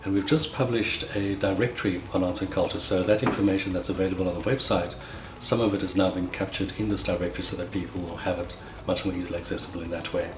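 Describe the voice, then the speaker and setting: A man's voice: low voice, steady tone, fast, few pauses. A man explaining an organisation's work in an articulate, methodical way, as its secretary general. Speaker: secretary general of an arts network. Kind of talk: prepared explanatory talk in a promotional interview. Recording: roomy echo, faint background noise.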